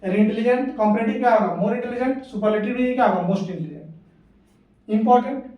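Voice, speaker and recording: High-voiced man teaching grammar in an echoey room. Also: fast, dull audio. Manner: patient, repeats points and asks the class questions. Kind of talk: classroom lesson. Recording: echoey room, voice far from the mic.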